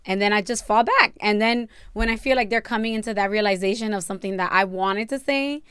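A woman's voice: medium pitch, fast talker, fairly bright tone, smooth, dry recording, clean studio sound. A young woman co-hosting a podcast, talking candidly and bluntly in casual chat, often laughing. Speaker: podcast co-host.

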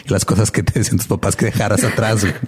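A man's voice: lowish voice, steady tone, rapid-fire, breathy edge. A young man co-hosting a podcast in casual, slangy chat, often laughing. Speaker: podcast co-host.

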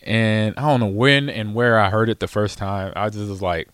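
A man's voice: on the low side, steady tone, normal speed, fairly bright tone, dry recording. A man hosting his own show, chatting casually and telling a rambling story full of fillers and laughs. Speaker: show host, former football player. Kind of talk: casual chat.

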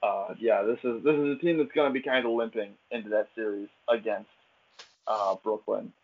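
A man's voice: lowish voice, steady tone, moderate pace, husky. A man co-hosting a casual sports podcast, laid-back and filling his talk with frequent uh's. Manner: laid-back, lots of uh fillers. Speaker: podcast co-host. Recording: tinny phone-like line.

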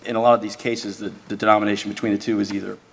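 A man speaking as an attorney, giving a measured, deferential, formal oral argument in a courtroom. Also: fairly low pitch, little pitch movement, creaky, husky. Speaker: attorney arguing an appeal.

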